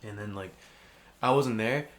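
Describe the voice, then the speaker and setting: A man's voice: on the low side, measured pace. A young man co-hosting a podcast, telling stories in a casual chat, swearing a lot and acting out what people said. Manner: swears a lot, animated storytelling, acts out quotes loudly. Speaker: podcast co-host.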